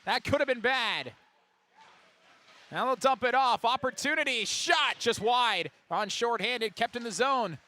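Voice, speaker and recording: A man does radio play-by-play for a girls' high school hockey game from an ice arena broadcast booth. His calls come rapidly and leap to excited shouts on big plays.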